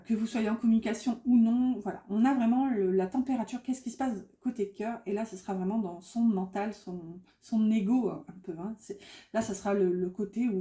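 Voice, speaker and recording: A woman's voice: medium pitch, mellow, echoey room. A woman giving a casual tarot reading, chatty and full of fillers, often correcting herself. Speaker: tarot card reader.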